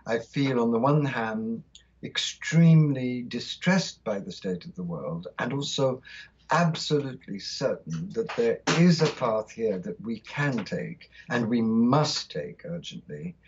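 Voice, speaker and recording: Unhurried and husky, a South Indian man in his sixties relates a spiritual vision as an interview guest, his mid-range voice full of lively intonation over dull audio. The storytelling is impassioned, fervent, and rhythmic, lingering over lists of words.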